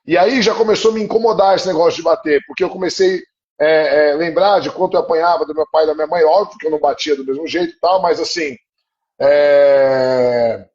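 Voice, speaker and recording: A man appearing as a psychoanalyst guest tells a personal story earnestly and confessionally, often asking "entende?". His voice is a little high and a little mellow. The live-stream audio is muffled.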